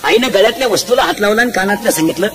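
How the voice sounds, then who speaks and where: A man preaching a humorous devotional sermon, punchy and jokey, quizzing the crowd with sharp calls. He speaks into a stage mic at an outdoor gathering. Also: high-pitched, racing. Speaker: kirtan preacher. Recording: loud crowd and heavy background noise.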